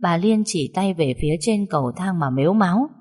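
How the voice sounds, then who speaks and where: A woman narrating a dramatic story in a calm, measured, emotive way. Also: on the low side, slightly rough. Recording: long hall reverb.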